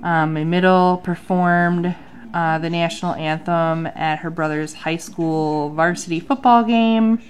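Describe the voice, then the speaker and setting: At an unhurried pace and with a steady tone, a woman whose voice sits on the low side walks through her journal in casual conversation. She is a thirty-something bullet journal vlogger, nasal from a sinus infection, filling her talk with ums at a home desk lit by an overhead light.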